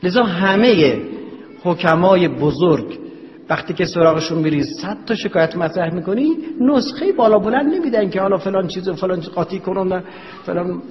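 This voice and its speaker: A man's voice: high voice, lively intonation. A man giving an explanatory lecture on traditional medicine, laying out numbered points and asking rhetorical questions. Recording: dull, reverberant hall recording.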